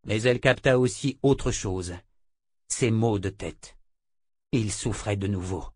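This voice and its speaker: A man narrating a fantasy novel in a steady, measured storytelling voice. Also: fairly low pitch, no echo. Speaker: audiobook narrator. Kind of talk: scripted narration. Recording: dry close mic.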